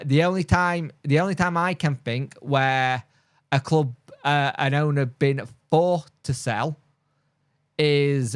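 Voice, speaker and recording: A tired football fan channel host with a mild speech impediment chats bluntly through viewer comments on a casual live stream, full of fillers and restarts. His slightly high voice is clear and resonant, studio quality with no echo.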